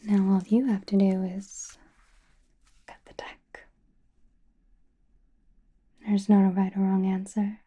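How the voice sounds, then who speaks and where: Slow whispering Scarlet Witch, acted by a woman. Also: medium pitch, mellow. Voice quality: breathy, airy whisper. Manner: slow, soothing, deliberate, with musing pauses. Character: confident, mysterious witch, attentive fortune teller. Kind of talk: whispered ASMR roleplay.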